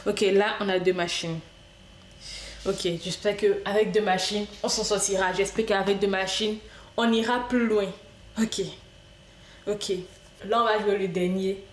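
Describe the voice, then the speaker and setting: A woman's voice: medium pitch, fairly even intonation, measured pace, pauses often, slight background noise. A woman giving casual gameplay commentary, chatty and playful, talking to the game's customers as if serving them herself. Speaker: gaming video creator. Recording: echoey room.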